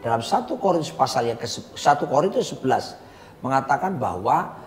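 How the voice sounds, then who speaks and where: In a coffee lounge, a man teaches in a conversational sermon style, his mid-range voice very animated and brisk as he preaches emphatically with his co-host. He repeats his partner's phrases, and the audio carries roomy reverb over a faint background hum.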